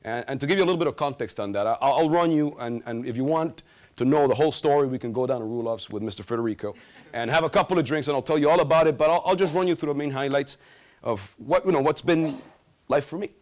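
A man's voice: mid-range voice, fast talker. A man, telling funny stories in a stage talk. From Guatemala. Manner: animated, gesturing, humorous storytelling. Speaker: student speaker. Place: large auditorium stage.

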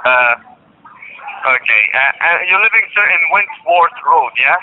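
A man works through a call script, courteous yet pressing, repeating details back with phonetic spelling. His slightly high voice comes over a dull, muffled line. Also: expressive, a little slow, slight background noise. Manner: polite, insistent, calls everyone sir. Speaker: phone caller collecting personal details.

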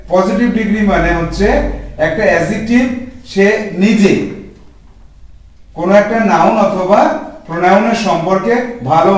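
Male teacher, quizzes the class as he explains, high voice, distant and echoey. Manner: asks the class questions and answers them himself. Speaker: English teacher. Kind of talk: spoken grammar lesson. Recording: echoey room from far off.

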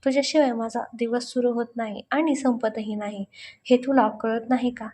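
A woman doing a young college guy, earnest and pleading, kinda high voice, storybook reading. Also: steady tone, moderate pace, warm tone, close to an everyday voice. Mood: apologetic. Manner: pleading, heartfelt.

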